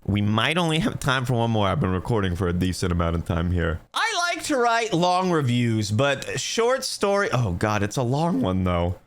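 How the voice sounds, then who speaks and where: A man's voice: mid-range voice, huge pitch swings, moderate pace, few pauses. A young man doing comedic commentary as he reads out reviews, joking in slangy speech and calling the listener bro. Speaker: YouTuber reading reviews.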